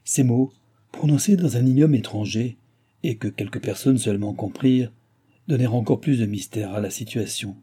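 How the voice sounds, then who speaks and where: Male narrator, classic novel audiobook, dark tone, husky, low pitch, measured. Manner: measured, literary reading.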